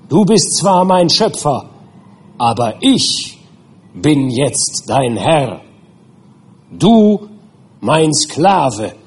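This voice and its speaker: A man voicing a bitter, menacing male creature in an audiobook reading, with hushed, dragging threats. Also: on the high side, slightly rough, pitched above the performer's own voice, heavily acted. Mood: threatening.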